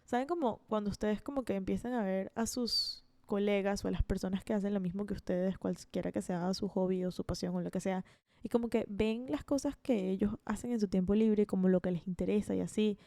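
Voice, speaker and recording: Talking a little fast, a woman in her twenties hosts a podcast in her Venezuelan Spanish accent. Her casual monologue is chatty, self-deprecating, and full of restarts, and her medium-pitched voice sounds mellow on a dry recording.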